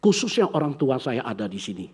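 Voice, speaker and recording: Man, pastor, husky tone, storytelling sermon, voices the characters in the story. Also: fairly quick. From Indonesia. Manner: animated storyteller, acting out quoted voices with big pitch jumps.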